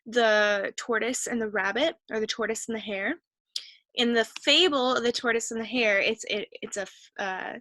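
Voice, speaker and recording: Encouraging woman teacher, higher voice. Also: sharp tone, no echo. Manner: patient, encouraging, thinks aloud while searching. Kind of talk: reading comprehension lesson.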